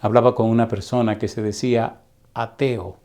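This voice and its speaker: A man's voice: mid-range voice, steady tone, moderate pace, a little mellow. A man preaching a sermon as pastor, fervent, reading scripture and sighing to himself between points.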